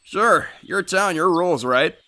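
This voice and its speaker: A man's voice: high voice, expressive, a little slow, bright, forceful tone, exaggerated voice. A man voicing a cocky, good-hearted young hedgehog hero in a cartoon fandub, casual, confident and breezy. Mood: skeptical. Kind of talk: cartoon comic fandub acting.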